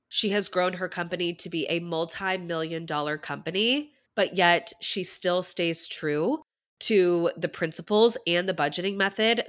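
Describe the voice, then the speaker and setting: In this upbeat podcast intro, a female money coach speaks in a fairly low, fairly bright voice. She sounds congested from a head cold but stays chatty and enthusiastic with her audience.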